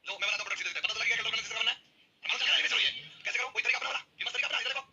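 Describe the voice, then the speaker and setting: Fast, bright-voiced male chemistry teacher. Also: extremely high pitch, slightly rough, lo-fi sound. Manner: energetic, keeps prodding students to answer. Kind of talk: classroom lecture.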